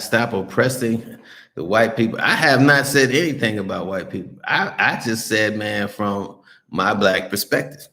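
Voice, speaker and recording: A man's voice: on the low side, sharp tone. An American man chatting casually on a live stream, reading viewer comments and answering them bluntly, with lots of swearing and many restarts. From United States. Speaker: vlogger reading live chat. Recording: roomy echoey recording.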